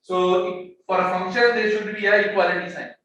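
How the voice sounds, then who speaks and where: A man's voice: high-pitched, level tone, moderate pace, a bit bright, highs cut off. A man lecturing a class on economics, explaining step by step, often repeating words as he searches for the next one, and mixing English with Hindi-Urdu phrases. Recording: very echoey room, mic far off, faint background noise.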